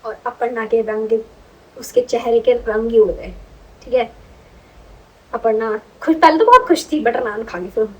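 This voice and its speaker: A young woman vlogger telling a personal story in an animated, chatty way, often checking in with the listener. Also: fairly high pitch, normal speed, long pauses, slightly rough, muffled recording. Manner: animated, chatty, frequent "ठीक है" check-ins. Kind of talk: casual storytelling.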